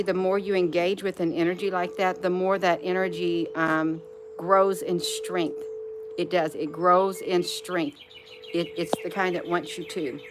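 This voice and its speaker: A woman hosting a casual live stream outdoors, talking to viewers in a folksy way and repeating phrases for emphasis. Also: fairly low pitch. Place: outdoors on a porch. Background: wind chimes and birdsong.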